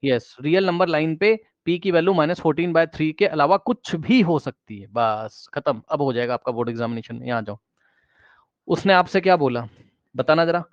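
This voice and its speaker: A man's voice: a little high, lively intonation, normal speed, no echo, highs cut off. A man teaching a math class, questioning students directly and repeating key phrases, mixing English math terms into his explanation.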